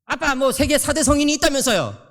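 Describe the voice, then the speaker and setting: A man's voice: very high voice, sing-song, fast, a bit bright, voice pushed up, exaggerated voice. A man voicing his young schoolboy son, who protests indignantly in a huffy, complaining voice. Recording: echoey hall reverb.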